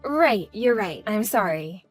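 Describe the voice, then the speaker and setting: A woman's voice: mid-range voice, expressive, slow pace, soft background music. A woman playing a meek, polite daughter-in-law in a scripted audio drama, apologetic and eager to please. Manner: apologetic, placating.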